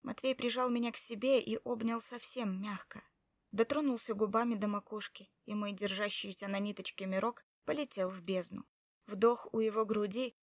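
A woman narrating a first-person audiobook, reading in an emotional, expressive way. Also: mid-range voice, vocal fry, dry recording, studio quality, far from the mic.

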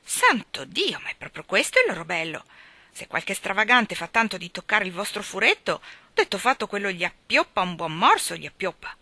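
A woman voicing a rough, boastful country boy who loves rat-catching, talking in a folksy way that repeats his own words. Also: medium pitch, big pitch swings, normal speed, pushed and bright, no room sound.

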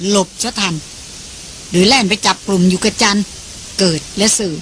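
Audiobook reader doing steady novel narration, middle pitch, little bit of hiss. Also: normal speed.

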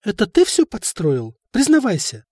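A man's voice: sits high, huge pitch swings, moderate pace, darkish tone, husky, dry recording, clean studio sound, voice pushed up, exaggerated voice. A man voicing a proud, suspicious queen who speaks sharply and decisively, raising his voice to play her. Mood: demanding.

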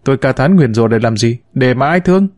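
A man's voice: mid-range voice, lively intonation, quick pace, no echo, clean studio sound, lightly acted. A man voicing a bitter, wounded middle-aged mother who reproaches and laments to her son in an audiobook story. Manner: reproachful, lamenting, sharp-tongued.

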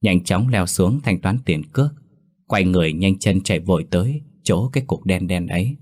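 A male storyteller reading a ghost story aloud in a steady, dramatic manner. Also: sits low, normal speed. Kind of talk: scripted horror story narration.

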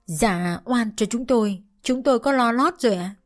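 A woman's voice: fairly high pitch, moderate pace, faint music behind, voice pushed up, close to an everyday voice. A woman voicing a desperate middle-aged mother who begs the police to spare her family. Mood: begging. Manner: pleading, begging.

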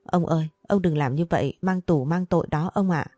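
Distraught older wife, begging, read by a woman; low, mellow, dry. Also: fairly quick, no room sound, soft background music. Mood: pleading. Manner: pleading, begging.

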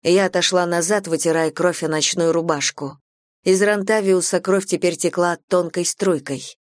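A woman narrating a first-person audiobook in a measured, dramatic reading style on a close studio mic. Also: lowish voice, steady tone, no room sound.

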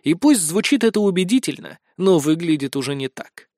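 A man's voice: fairly high pitch, very animated, a little fast, darkish tone, no echo, clean studio sound. A man reading a first-person fantasy story in a wry, slangy, conversational manner. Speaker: audiobook narrator.

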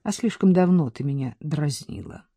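A woman's voice: low-pitched, lively intonation, normal speed, mellow, slightly rough, no echo, clean studio sound, exaggerated voice. A woman voicing a blunt, guarded man who asks short, pointed questions. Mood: wry. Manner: blunt, terse, commanding questions.

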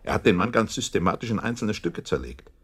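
An actor playing a loyal, shaken doctor in a German radio drama, speaking in a troubled, reflective, conversational way. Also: male voice, fairly low pitch, sing-song, fast, husky. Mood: awed, troubled. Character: loyal male doctor friend, shaken and indignant.

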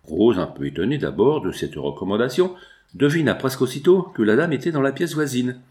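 A man reading a classic novel aloud in a measured, expressive way. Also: medium pitch. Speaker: audiobook narrator. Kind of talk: scripted narration.

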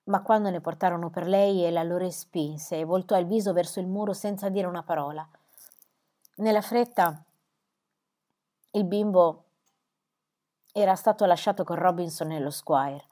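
A woman narrating a classic novel as an audiobook. Her reading is expressive and dramatic, in a voice on the low side. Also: moderate pace, long pauses. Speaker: audiobook reader. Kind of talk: scripted narration.

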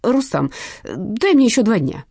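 A timid young man bleats and begs for more time in an audiobook, as a woman reader plays him. Her mellow voice moves in lively swings, recorded close and dry. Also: a little high, measured pace, creaky, slightly rough, no echo, heavily acted. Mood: pleading. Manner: timid, pleading. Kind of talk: audiobook character voice.

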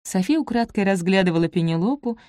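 A woman narrating a novel in an even, measured reading. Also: mid-range voice, no echo, studio quality. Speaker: audiobook narrator. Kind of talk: scripted narration.

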